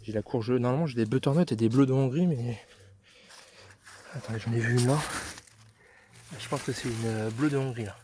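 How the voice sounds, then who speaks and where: Holding his phone camera outside, a man from France shows off his vegetable garden for a vlog, with a neighbours' party going on nearby. His mellow, mid-range voice is brisk but pauses often, chatty yet hesitant, full of fillers and self-mockery. There's a little hiss or hum.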